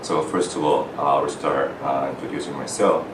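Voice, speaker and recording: A middle-aged, foreign-trained doctor from Taiwan speaks earnestly to camera about his path to residency, halting and restarting with many "uh" fillers. His very deep voice barely moves in pitch. The sound is reverberant, far from the mic, with a noisy background.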